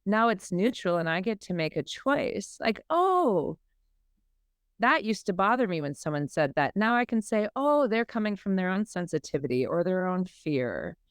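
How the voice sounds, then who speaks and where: Podcast guest: woman from Minnesota, lowish smooth voice, dry close mic, explanatory. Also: expressive, normal speed, hardly any pauses, dry recording. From Minnesota, USA. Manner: warm explanatory, acts out inner voices. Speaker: guest, emotional healing coach. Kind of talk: podcast interview.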